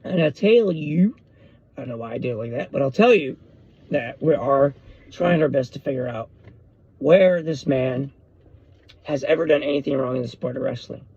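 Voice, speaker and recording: A man, rambling excitedly and jumping between topics as he hosts a casual solo podcast. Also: mid-range voice, moderate pace, vocal fry, husky, no echo. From US West Coast. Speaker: podcast host. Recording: dull lo-fi dry recording.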